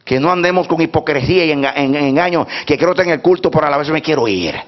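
A man preaching a sermon to his church, moving from hushed talk to shouting and repeating words for emphasis. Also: a little high, fast. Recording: dull lo-fi sound.

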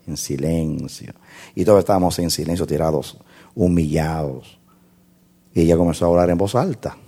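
A male pastor with a slightly husky voice delivers a sermon as a story, acting out conversations and laughing at his own anecdote. His pitch swings widely, dropping to hushed, low asides and climbing into loud, bright exclamations.

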